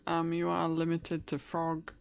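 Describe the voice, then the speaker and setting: Woman, game master, low voice, slow unhurried pace, hesitant, lots of fillers. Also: monotone, gravelly, no echo. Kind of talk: narrating a tabletop game.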